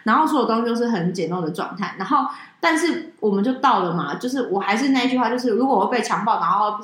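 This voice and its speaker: A woman co-hosts a casual chat, telling a story at a brisk pace. She acts out the quoted dialogue with animation. The room around her sounds echoey. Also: fairly high pitch, lively intonation, a bit bright. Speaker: podcast co-host.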